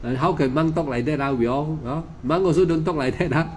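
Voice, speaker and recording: A man's voice: fairly high pitch, brisk, a little mellow, slight background noise. A man with a Malaysian English accent giving an emphatic, repetitive dharma talk as a meditation teacher, often stammering and restarting. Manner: insistent, lecturing.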